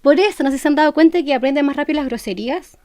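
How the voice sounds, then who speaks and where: Fast-talking high-voiced Chilean woman. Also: no echo. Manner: lively, acts out how parents talk to babies. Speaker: guest kinesiologist. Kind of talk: radio interview, explaining.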